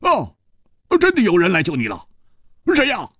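A male storyteller voicing a boisterous, loud swordsman who shouts and laughs in high excited outbursts. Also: moderate pace, breathy edge, no room sound, studio quality, heavily acted.

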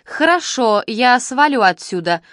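A woman voicing a gangly teenage boy with a creaky, strained voice who taunts and mocks. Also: a little high, expressive, unhurried, fairly bright tone, dry recording. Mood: taunting.

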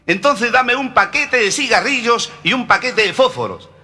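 A man's voice: extremely high pitch, lively intonation, moderate pace, bright, forceful tone, voice pushed up, heavily acted. A man doing an Argentine customer, breezy. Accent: Argentine Spanish (put on). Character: Argentine man buying cigarettes, casual.

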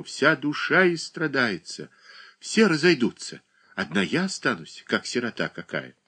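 A man's voice: mid-range voice, a bit bright, breathy edge, voice pushed up, heavily acted. A man reading an audiobook voices an older grieving mother who pleads and laments. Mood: lamenting. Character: grieving older mother, clinging, pious, tearful.

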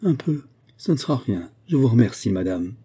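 A man voicing a frail young woman singer who is sorrowful and quietly resigned, in a soft, subdued, weary audiobook delivery. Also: medium pitch, sing-song, moderate pace, slightly rough. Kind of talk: audiobook character voice.

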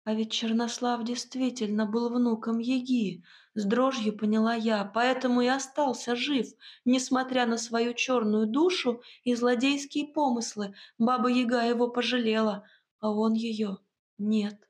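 Brief: woman narrator, first-person fantasy audiobook, steady expressive reading, a bit higher pitch. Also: unhurried.

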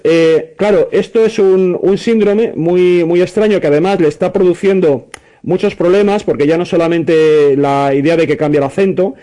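A man's voice: high-pitched, dark tone. A man explaining a topic on a radio talk show, thoughtful and full of hesitations. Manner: thoughtful, hesitant, many fillers. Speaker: radio panelist.

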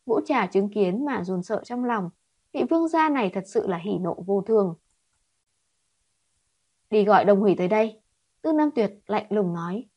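A woman reading a romance novel aloud in steady scripted narration. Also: mid-range voice, husky, no room sound. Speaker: audiobook reader.

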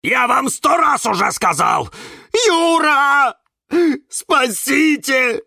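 A man voicing a frantic young male cactus who shouts and wails for help in a storybook. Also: mid-range voice, normal speed, creaky, no room sound, clean studio sound, distant mic, pitched above the performer's own voice. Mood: frantic shouting.

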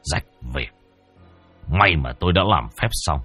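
A man voicing a gruff older male village sorcerer who scolds curtly. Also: a bass voice, lively intonation, a little slow, pushed and bright, no room sound, soft background music, heavily acted. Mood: curt scolding. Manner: curt, scolding.

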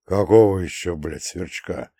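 A male reader puts on a gruff old war veteran grandfather from an audiobook, coarse and swearing as he grumbles. He speaks a bit louder and slower than the narration, in a low register. The recording is dry and close. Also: no echo, close to an everyday voice. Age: older.

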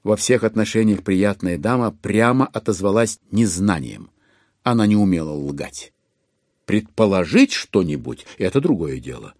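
Here the actor takes on the role of a classic novel's wry narrator for an audio drama, delivering lines with ironic relish and careful, expressive phrasing. The male voice is fairly low in pitch, captured at studio quality without any echo.

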